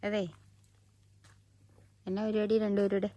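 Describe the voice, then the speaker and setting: A woman's voice: mid-range voice, monotone, measured pace, dark tone, dull audio. A woman chatting casually with her family in a questioning, teasing way. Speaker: mother filming a family vlog.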